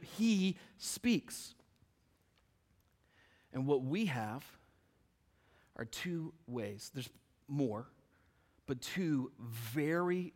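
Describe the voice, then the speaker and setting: A man's voice: on the high side, long reverb tail. A man preaching a sermon, reading scripture aloud and building emphasis with rhetorical questions. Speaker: pastor.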